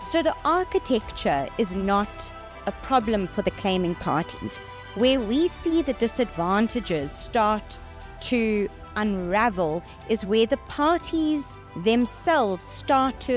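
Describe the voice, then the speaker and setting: A woman speaking on a conference panel, explaining in a measured way. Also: mid-range voice, expressive, faint music behind. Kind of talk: panel discussion.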